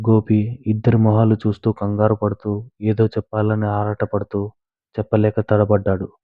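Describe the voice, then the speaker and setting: A man narrating a moral story in a steady, even storytelling manner, recorded on a tinny, dry line. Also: fairly low pitch, no room sound.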